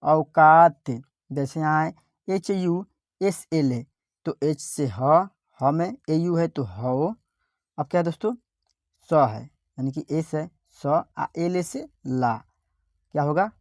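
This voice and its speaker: A woman teacher, giving an online spelling lesson, sounding out letters slowly and repeating each word. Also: low voice, lively intonation, a little mellow, no room sound, studio quality.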